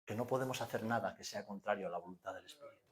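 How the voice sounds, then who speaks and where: A male pastor in his forties with an accent from Spain, preaching a sermon that swings from hushed to loud. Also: on the low side, rapid-fire. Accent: Spanish from Spain.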